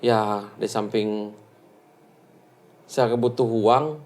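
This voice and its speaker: A man, recounting his story in a casual interview, halting and full of restarts. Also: fairly low pitch, a little mellow. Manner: halting, full of restarts, acts out quoted speech.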